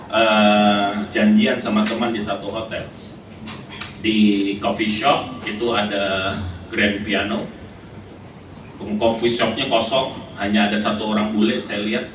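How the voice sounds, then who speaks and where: A man preaching a sermon, telling stories with big swings in pitch and calling out for amens from the congregation. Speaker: pastor. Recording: echoey hall from far off, noisy.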